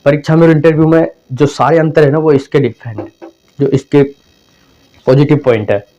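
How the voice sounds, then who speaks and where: A young man teaching a lesson in a mellow, somewhat high voice. He speaks conversationally, repeats himself and acts out example phrasings. The recording is dull and lo-fi. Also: steady tone, a little fast. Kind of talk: explanatory lesson.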